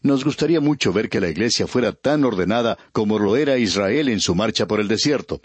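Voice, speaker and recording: A man giving a radio Bible teaching, reading scripture and explaining it in a measured, earnest way, speaking directly to the listener. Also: on the low side, animated, husky, no room sound.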